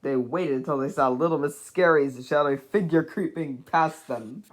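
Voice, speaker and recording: An amateur narrator with a mid-range voice reads a children's storybook aloud, delivering it in a deliberate, dramatic way.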